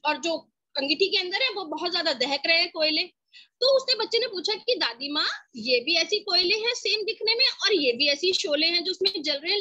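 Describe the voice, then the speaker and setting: A woman's voice: very high voice, sharp tone, lo-fi sound. A woman giving a motivational talk to her team on an online session, telling a story and asking the audience questions. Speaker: motivational speaker.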